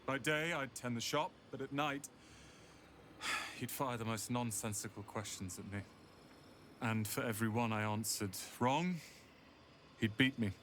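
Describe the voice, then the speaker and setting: A man's voice: fairly low pitch, a little slow, pauses often, fairly bright tone, slight background noise. An actor playing a bitter, proud young male tiefling wizard in a video game, clipped and resentful.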